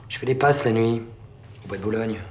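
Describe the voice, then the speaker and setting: A man's voice: lowish voice, a little hiss or hum, close to an everyday voice. An actor playing a defiant, foul-mouthed young male suspect under questioning in a crime TV drama. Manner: insolent, mocking, quick to shout.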